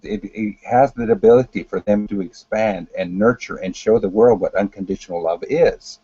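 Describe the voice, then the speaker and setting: A man giving an unscripted spiritual talk in a calm, earnest, deliberate way, repeating phrases as he goes. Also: on the low side, breathy edge, no echo, dull audio. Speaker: spiritual teacher.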